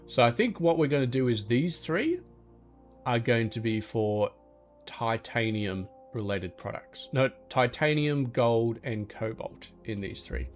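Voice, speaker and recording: A man giving relaxed gameplay commentary, thinking aloud as he plans and talks to things in the game, with soft music behind him. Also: mid-range voice, unhurried. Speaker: gaming channel host.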